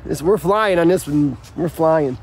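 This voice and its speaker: Out on a noisy building site, a middle-aged man walks through construction steps with casual, slangy jokes. He's a builder and video co-host whose fairly high, darkish voice keeps a measured pace.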